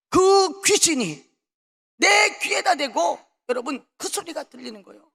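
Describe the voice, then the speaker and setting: A woman pastor preaching a fervent testimony, going from soft passages to loud ones. Her voice is very high and bright with a gravelly edge. It echoes with the long reverb of a large prayer hall. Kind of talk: testimony sermon.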